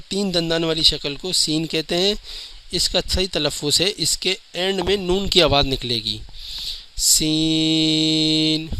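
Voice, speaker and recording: Bright-voiced man teaching letter sounds. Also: on the high side, a little hiss or hum, poor audio. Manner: teaching slowly, drawing out each letter sound clearly; often addresses viewers directly. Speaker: Quran teacher. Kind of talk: step-by-step spoken lesson.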